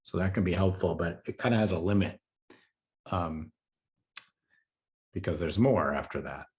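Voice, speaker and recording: Low-voiced man explaining meditation casually. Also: normal speed. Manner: relaxed and conversational, many fillers, light laughs. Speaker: meditation teacher. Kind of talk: casual spoken teaching.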